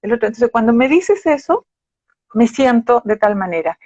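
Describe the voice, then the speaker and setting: A woman's voice: fairly high pitch, very animated, normal speed, darkish tone, no room sound. Patient woman psychologist explaining. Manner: patient, explanatory, gives examples with quoted phrases. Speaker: psychologist guest. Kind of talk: explaining in a live conversation. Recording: dull, dry live-stream audio.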